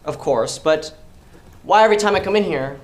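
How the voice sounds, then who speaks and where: In a stage play, a man with a high, expressive voice plays a smooth, persuasive criminal schemer recruiting a reluctant worker, coaxing and commanding in a pointed, pressing way at a moderate pace. The live stage recording is noisy and echoey.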